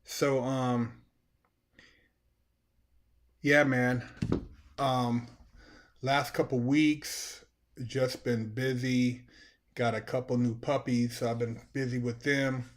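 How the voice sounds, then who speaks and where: A man's voice: mid-range voice, flat delivery, slow pace. American male streamer, mid-range voice, casual and colloquial, talking to his online audience. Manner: laid-back, colloquial, often saying "man". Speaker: live streamer, channel host. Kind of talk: casual livestream chat to viewers.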